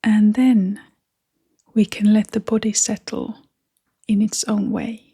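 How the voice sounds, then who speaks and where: This meditation guide is a woman who speaks slowly in a soft, breathy, half-whispered voice. She leads a gentle guided meditation in an unhurried way, with long pauses. Her pitch is medium and her tone stays level.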